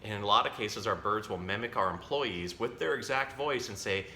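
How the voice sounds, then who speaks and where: A man with a fairly low, bright, forceful voice talks a little fast while leading an animal storytime as a zookeeper. Casual and chatty, he keeps things simple for the children and corrects himself as he goes. The audio carries a roomy echo and faint noise.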